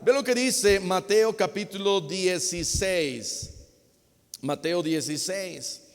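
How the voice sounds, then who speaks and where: High-voiced pastor in a reverberant hall. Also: male voice, slow pace. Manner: lively preaching, acts out little dialogues. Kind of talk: sermon. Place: church hall.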